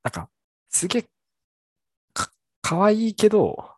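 A man's voice: sits high, huge pitch swings, unhurried, a little hiss or hum. A young man in casual conversation, rambling and hesitant, trailing off with fillers as he talks. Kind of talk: casual chat.

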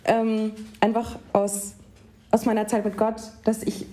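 A young woman chats as a podcast guest, lively and enthusiastic, often laughing as she acts out little quotes. Her voice sits a touch high with a soft, mellow tone. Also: measured pace. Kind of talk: casual interview chat.

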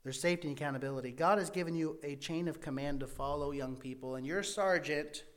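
Higher-pitched man preaching a sermon. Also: fast talker. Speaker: preacher to young people.

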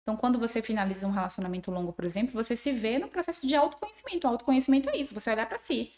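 Brisk, expressive woman guest in a casual podcast chat. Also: on the high side, a little hiss or hum. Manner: quick, expressive talker who acts out little dialogues.

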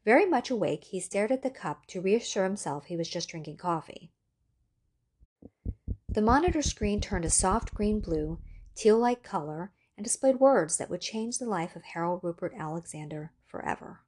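A woman narrating an audiobook story in a steady, measured reading voice. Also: medium pitch, husky. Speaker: story reader.

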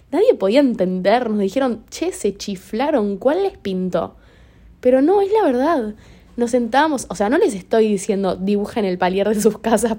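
Chatty Rioplatense woman with a mellow voice. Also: medium pitch. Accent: Rioplatense Spanish. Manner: rambling, chatty, many fillers like "tipo" and "o sea". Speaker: podcast host. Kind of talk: improvised solo podcast chat.

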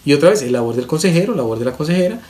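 Emphatic pastor. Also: male voice, on the high side, animated, rapid-fire, a little mellow. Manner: emphatic, stacks rhetorical questions and repeats words for stress. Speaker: pastor and counselor.

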